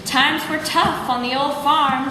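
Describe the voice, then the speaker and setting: A woman's voice: sits high, fairly even intonation, unhurried. A woman playing a melodramatic, theatrical narrator of a sappy parody in a comedic stage show. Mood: sentimental. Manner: theatrical, dramatic. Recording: echoey hall, far mic, loud noise.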